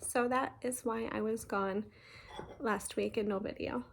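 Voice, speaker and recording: A woman, chatting casually in a stitching vlog, talking fast and rambling with many ums and restarts. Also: a little high, steady tone, vocal fry. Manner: talks fast. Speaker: flosstube host.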